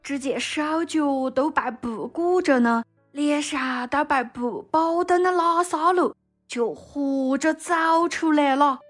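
A woman narrating a Bible story in a slow, gentle way and speaking directly to her listeners. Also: high-pitched, soft background music.

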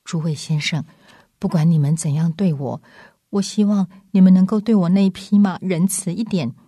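A woman's voice: on the low side, moderate pace, mellow, breathy edge, dry recording, studio quality. A woman voicing a weak, injured young man in a spoken storybook. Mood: pleading.

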